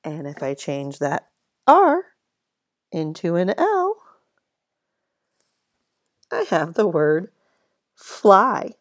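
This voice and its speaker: A woman's voice: fairly low pitch, wildly swooping pitch. A woman teaching a phonics lesson to first graders, stretching out each sound and cheering the children on. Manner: slow, exaggerated sounding-out of letters and words; cheerful, encouraging teacher talk.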